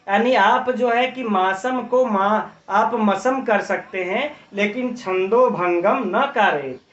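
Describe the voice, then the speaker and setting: A male teacher delivers an exam-prep lecture, working through examples and posing rhetorical questions to the class. His voice sits high. The sound is dull and lo-fi, picked up from some distance in a reverberant room. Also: a bit bright. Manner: frequent tag "है ना". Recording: roomy, distant, dull lo-fi audio.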